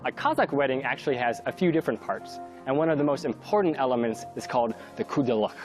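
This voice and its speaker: A man's voice: mid-range voice, lively intonation, fast talker, a little mellow, soft background music. A young man from California hosting a travel show, explaining customs in an upbeat way. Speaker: TV host. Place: outdoors at a wedding celebration.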